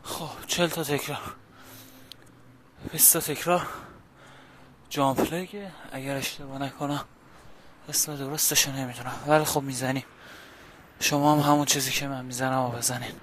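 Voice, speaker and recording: A man's voice: medium pitch, fairly even intonation, a bit bright, a little hiss or hum. A man talking casually and informally to viewers in a workout vlog, addressing them directly as he goes. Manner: informal, addressing viewers, calling out exercises and reps. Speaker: vlogger. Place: outdoors on a house rooftop.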